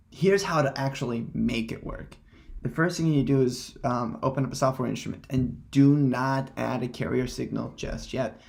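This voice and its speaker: A man with a mid-range voice and vocal fry walks through a casual software tutorial. His phrasing is hesitant, halting and unscripted.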